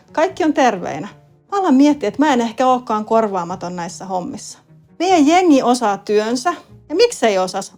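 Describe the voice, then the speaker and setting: A woman with a Finnish accent, a lead wilderness guide telling a first-person story in a calm, matter-of-fact way. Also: a little high. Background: soft background music.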